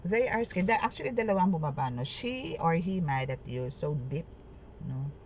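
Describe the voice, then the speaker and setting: A tarot reader, giving a reading in an expressive, chatty way, mixing Tagalog and English and tagging phrases with a questioning "no?". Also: medium pitch, moderate pace, slight background noise. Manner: mixes Tagalog and English, keeps adding "no?" after phrases; expressive, laughing and exclaiming.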